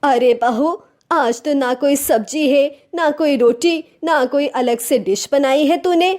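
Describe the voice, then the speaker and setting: Woman doing bossy mother-in-law, nagging and scolding, high voice, cartoon story. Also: takes it slowly, darkish tone.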